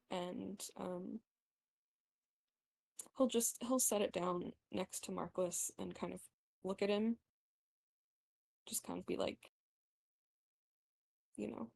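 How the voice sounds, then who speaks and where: A woman's voice: mid-range voice, creaky, darkish tone. A woman playing in a tabletop game, hesitantly describing her character's actions. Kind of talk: casual in-character planning.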